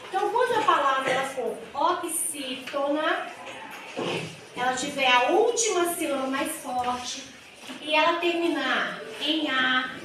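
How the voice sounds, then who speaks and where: A woman teacher giving a grammar lesson, explaining step by step with rhetorical questions and drawing out example words slowly. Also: high-pitched. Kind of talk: grammar lesson for exam students. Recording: echoey room with mic far off and noise.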